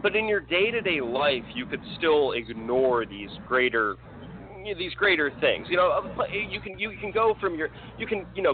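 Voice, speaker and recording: A man in casual political chat, rambling with restarts and fillers. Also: mid-range voice. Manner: rambling, many restarts and fillers, laughs often. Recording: tinny phone-like line with faint noise.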